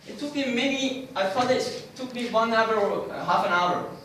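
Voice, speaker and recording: Young guy giving a club speech, pretty high voice, really echoey room, mic far off. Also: a bit bright, a little hiss or hum. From Pakistan. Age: 20s. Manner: asks the audience questions, halting with restarts. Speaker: club speaker. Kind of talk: prepared personal speech to an audience. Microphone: distant mic.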